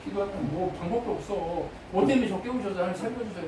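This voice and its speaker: A high-pitched man preaches in a church, peppering the congregation with questions and crying out brief pleading prayers. His voice comes from some distance off the mic. Heavy reverb fills the big room, with a faint murmur behind him. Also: fast, noisy background. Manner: acts out short pleading prayers in a raised voice. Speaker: pastor. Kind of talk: sermon. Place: church sanctuary. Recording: very echoey church hall, voice from a distance.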